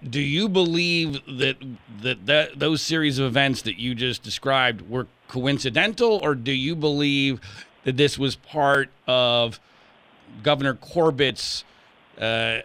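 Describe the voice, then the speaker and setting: A man hosting a radio interview, cutting in to ask pointed, deliberate questions. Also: mid-range voice, bright, forceful tone.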